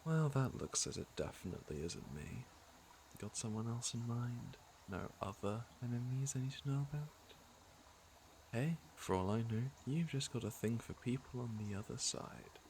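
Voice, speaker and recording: With lively intonation at a moderate pace, this man's medium-pitched voice sounds a little mellow, though the audio is poor with a bit of hiss or hum. He acts out an ASMR roleplay as a flirty, teasing fantasy villain with a caring side, speaking smoothly and intimately to the listener.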